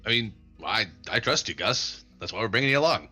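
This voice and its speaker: Bright, lively, lowish male game player. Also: fairly quick. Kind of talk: casual game chat. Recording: faint music behind.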